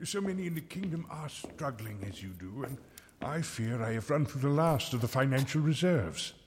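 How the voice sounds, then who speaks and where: A man acting as a medieval friar in an audio drama, set in a reverberant hall. His delivery is pastoral and measured, with lively swings of pitch. He is kindly, with a wry, reproving edge. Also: lightly acted. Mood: solemn, compassionate. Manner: measured, pastoral, gently ironic.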